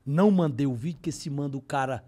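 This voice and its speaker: A young man with a Ceará accent, a comedian telling an anecdote on a podcast in casual, animated style, acting out the voices of others. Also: medium pitch, quick pace. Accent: Northeastern Brazilian, Ceará. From Ceará, Brazil. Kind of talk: casual storytelling. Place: podcast studio.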